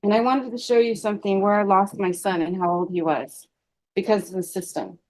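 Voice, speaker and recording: A woman's voice: medium pitch, a little fast, darkish tone, poor audio. Hesitant middle-aged woman testifying in a courtroom. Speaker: witness, defendant's mother.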